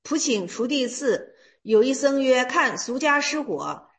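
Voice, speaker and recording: High-voiced woman teaching old texts. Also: animated. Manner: reads slowly, then retells in plain speech with repetitions and fillers. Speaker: teacher of Chan Buddhist texts. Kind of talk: reading and explaining old texts in a class.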